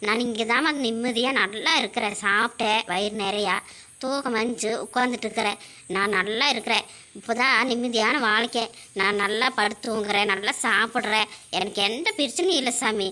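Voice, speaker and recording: Woman acting as a sad lonely mom, high bright voice, sorrowful and tender with her son. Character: lonely aging mother living apart, grieving. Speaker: mother. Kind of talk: village family drama acting.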